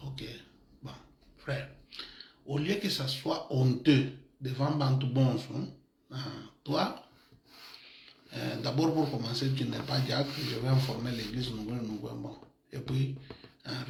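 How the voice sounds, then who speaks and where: A man preaching an animated sermon as a pastor, lively and often laughing, mixing in African words. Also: medium pitch, vocal fry, reverberant. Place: church in Madrid.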